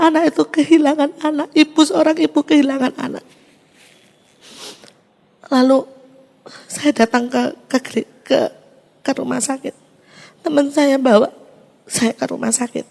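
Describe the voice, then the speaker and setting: A woman giving an emotional testimony in church, animated and acting out the dialogue. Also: high voice, creaky. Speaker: testimony speaker.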